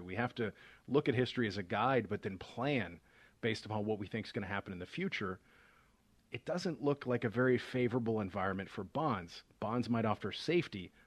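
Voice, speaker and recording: A financial advisor hosting a radio show talks casually about investing, his explanations full of fillers and restarts. His voice is fairly low, and the recording is dry.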